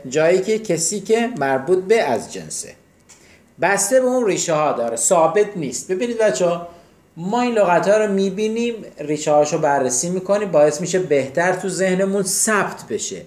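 A man's voice: fairly high pitch, darkish tone, reverberant. A man teaching English vocabulary, explaining each word step by step and asking questions that he then answers himself. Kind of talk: vocabulary lesson.

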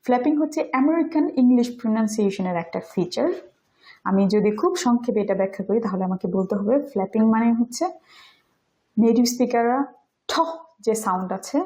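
A woman whose first language is Bengali, teaching English pronunciation in a video lesson and saying example words slowly. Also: a little high, mellow, poor audio. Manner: explains step by step, demonstrates English words slowly.

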